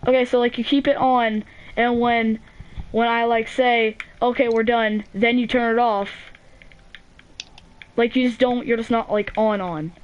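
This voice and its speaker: A woman's voice: on the high side, fairly even intonation, measured pace, long pauses, muffled recording, slight background noise. A teenage girl hosting a gaming channel, telling a story in a rambling, casual way full of "like", restarts and swearing.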